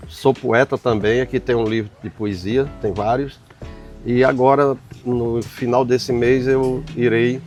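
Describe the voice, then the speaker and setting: Older man, author in interview, pausing "né" tags, faint music behind. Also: mid-range voice, darkish tone. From Paraíba sertão, Brazil. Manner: reflective, frequent "né" tags and pauses. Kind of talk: interview answers.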